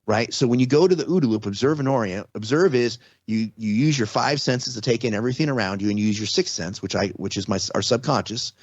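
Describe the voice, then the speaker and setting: This podcast guest, a man in his forties or fifties, talks fast with few pauses in a mid-range voice. He explains ideas earnestly in casual, restart-heavy speech, and the lo-fi audio sounds slightly dull with no room sound.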